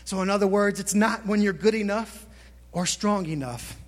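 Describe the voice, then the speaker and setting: A man's voice: high voice, moderate pace, in a large hall. A man preaching a sermon with passion, building to emphatic peaks and asking the congregation questions. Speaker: pastor.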